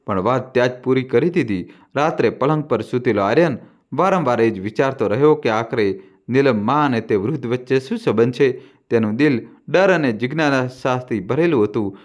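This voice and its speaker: Male storyteller, steady dramatic narration, mid-pitched voice.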